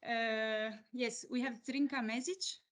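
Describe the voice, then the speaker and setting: A woman moderating an online question session in a polite, measured way. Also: fairly high pitch, fairly even intonation, a bit bright. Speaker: webinar moderator.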